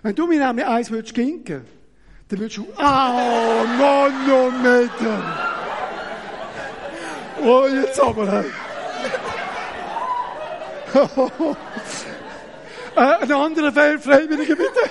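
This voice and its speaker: A middle-aged man with a Swiss German accent preaching an animated, joking sermon that pulls the audience in, often tagging his sentences with "oder?". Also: extremely high pitch, moderate pace, creaky, crowd noise, noisy background. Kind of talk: lively sermon with audience demonstration.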